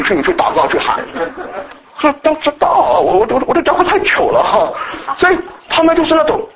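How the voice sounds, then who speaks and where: A middle-aged man from mainland China preaching a sermon, animated and mimicking scolding elders. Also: very high voice, highs cut off. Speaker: pastor.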